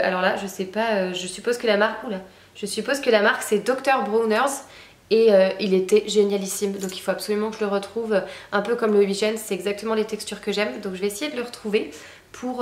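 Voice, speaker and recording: A woman's voice: medium pitch, a little fast, reverberant. A young woman chatting casually about beauty products she has used up, with lots of hesitations and fillers. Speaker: beauty vlogger. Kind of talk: casual product review chat.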